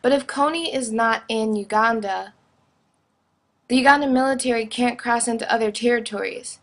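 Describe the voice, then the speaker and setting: A woman's voice: on the high side, moderate pace. A young woman talks casually into her camera, sharing a strong opinion in a chatty, emphatic way, with lots of fillers. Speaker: vlogger.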